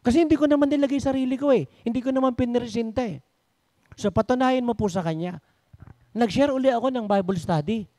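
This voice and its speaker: A man preaching a sermon in Tagalog-style storytelling, swinging between high exclamations and low asides. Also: a little fast, warm tone, no room sound. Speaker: pastor.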